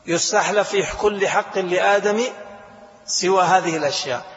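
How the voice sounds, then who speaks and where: A man's voice: high voice, moderate pace. A man teaching a classroom lesson on Islamic jurisprudence. He acts out short dialogues and asks his students questions. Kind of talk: classroom lecture explaining a fiqh text. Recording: dull, echoey lecture hall audio.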